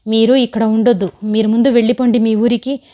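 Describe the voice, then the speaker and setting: A woman voicing a frantic, grief-stricken mother in a horror story, her lines pitched high and loud. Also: level tone, fast talker, close to an everyday voice. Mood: wailing. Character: frantic grieving middle-aged mother. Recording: slightly dull lo-fi sound.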